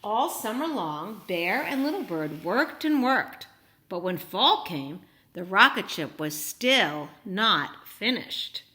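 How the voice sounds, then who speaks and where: A woman with a mid-range voice reads a story slowly to young children. She's animated and encouraging, frequently asking her listeners questions.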